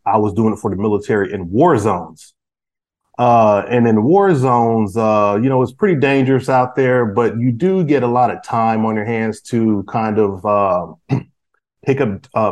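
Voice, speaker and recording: A man in his forties appears as a podcast guest, chatting casually in a mid-range, darkish voice at a measured pace. He rambles and restarts a lot, filling gaps with fillers and speaking in street slang.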